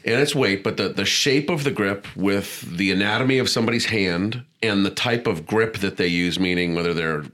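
A man's voice: fairly low pitch, normal speed, few pauses, fairly bright tone, roomy sound. A man, a golf instructor, explaining technique in casual conversation and adding details as he goes.

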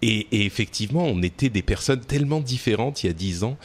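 A man's voice: lowish voice, expressive, quick pace. A middle-aged man hosting a podcast in casual chat, talking freely with his co-hosts and reminiscing. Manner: chatty, playing old clips and reminiscing. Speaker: podcast host.

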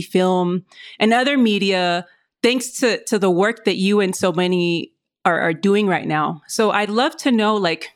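A woman's voice: mid-range voice, no room sound, clean studio sound. A woman hosting a podcast interview, asking questions in a casual, chatty way full of "like" fillers. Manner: casual, uses many "like" fillers. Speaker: podcast host.

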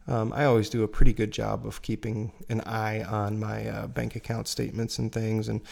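A man's voice: fairly low pitch, level tone, moderate pace, creaky, a little mellow. A man hosting a casual, rambling solo chat in an informal way, sounding far from a dangling microphone. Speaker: host. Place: seated at a piano. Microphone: dangling microphone, away from the mouth. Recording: voice distant from dangling mic, music.

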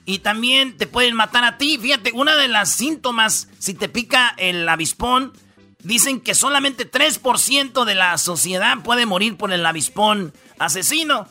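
A man's voice: extremely high pitch, expressive, moderate pace, sharp tone, soft background music. A man with a Mexican Spanish accent hosting a radio comedy show, rambling through the news in slangy, jokey storytelling. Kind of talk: comic news rundown.

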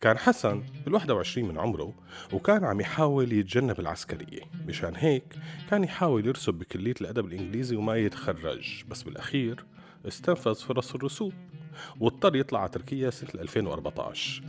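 Quick-paced Syrian Arabic male storyteller. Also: on the low side, big pitch swings. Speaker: storyteller, narrator of a story programme. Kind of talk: scripted storytelling narration with acted quotes. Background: music behind the voice.

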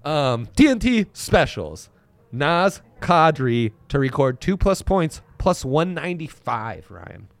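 A man's voice: on the high side, takes it slowly, dry recording. A man co-hosting a sports betting podcast, bantering casually and laughing often. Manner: jokey, animated, laughs often.

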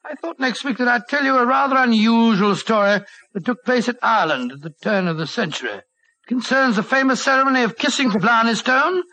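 An actor playing a kindly, blustering older British doctor who stammers when flustered, in a 1940s radio drama. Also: male voice, very high-pitched, fairly quick, pushed and bright, no echo, heavily acted. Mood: genial. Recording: dull, lo-fi old radio recording.

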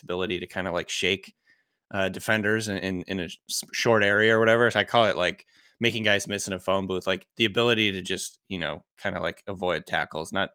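A man's voice: on the low side, pushed and bright, dry recording, studio quality. A man talking casually as a podcast guest and analyst, informal, peppering his talk with "like" and "you know".

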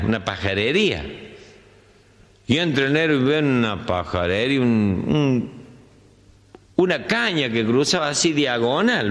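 A man with a Córdoba accent, telling a joke as a live stand-up story in a vivid, playful way. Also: on the high side. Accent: Córdoba Argentine. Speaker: comedian. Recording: live stage recording in a hall, loud audience.

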